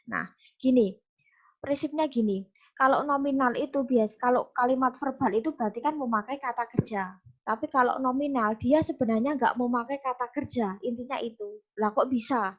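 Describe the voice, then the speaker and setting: A woman's voice: fairly high pitch, moderate pace. Indonesian woman lecturing over lo-fi audio. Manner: explanatory, many fillers and restarts. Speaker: English lecturer. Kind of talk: online class lecture.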